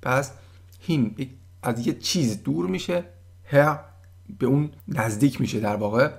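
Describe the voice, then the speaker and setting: Guy explaining german vocab in a relaxed chatty way, says the words out slow, keys clacking behind. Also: medium pitch, gravelly. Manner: patient, chatty, models German words slowly. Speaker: German language teacher. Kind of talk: casual explanatory lesson.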